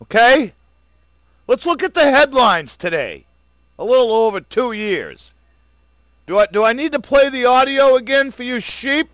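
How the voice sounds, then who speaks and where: Furious high-voiced man ranting, dry sound. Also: animated, unhurried, dry recording. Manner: profane, swings from low muttering to loud outbursts; sarcastic, scornful toward listeners. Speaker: video blogger. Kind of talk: angry ranting commentary.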